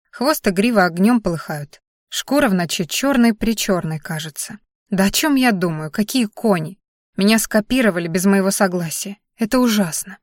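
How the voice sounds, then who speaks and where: A woman's voice: mid-range voice, dry recording. A woman reading a first-person audiobook in a wry, anxious inner-monologue manner, often questioning herself. Her voice sits in a middling range. The recording is dry and close. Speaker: audiobook narrator.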